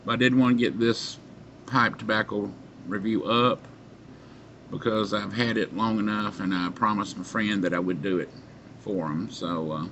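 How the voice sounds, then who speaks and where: A middle-aged man chatting casually to camera as a reviewer, halting and pausing often, recorded on a webcam mic in a small room. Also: lowish voice, steady tone, fairly bright tone. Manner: halting, unhurried delivery with long pauses. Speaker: pipe tobacco reviewer. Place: small dim room indoors. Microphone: webcam or computer mic at arm's length. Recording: muffled webcam sound with background noise.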